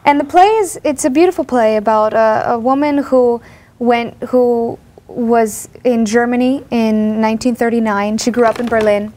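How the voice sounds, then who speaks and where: A woman's voice: fairly high pitch, fairly even intonation, normal speed, dark tone. A stage actress in an interview, explaining things plainly with small fillers as she talks. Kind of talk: casual interview chat.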